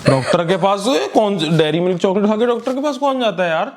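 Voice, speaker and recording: A man's voice: high voice, quick pace. A young man hosting a prank video, playfully rambling and repeating himself as if dazed. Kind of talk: acting out a prank on camera. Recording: noisy background.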